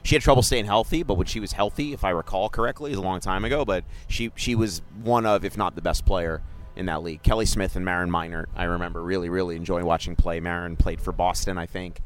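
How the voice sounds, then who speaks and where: Talking fast with hardly a pause, this low-voiced man, a middle-aged sports journalist, co-hosts a podcast. He jokes around casually, wanders off track and keeps cutting himself off mid-sentence.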